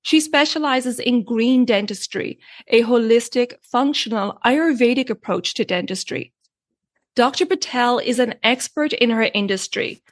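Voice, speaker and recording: A woman hosting a podcast, reading a measured introduction and then asking her guest questions. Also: sits high, no echo, studio quality. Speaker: podcast host. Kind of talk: scripted podcast intro and interview.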